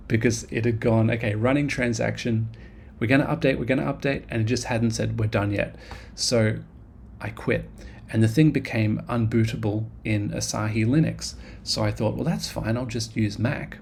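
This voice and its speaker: A man with a medium-pitched, creaky, slightly mellow voice casually narrates his game development devlog over a screen recording. He rambles and puts himself down, with frequent ums and restarts, and there is a little hiss or hum.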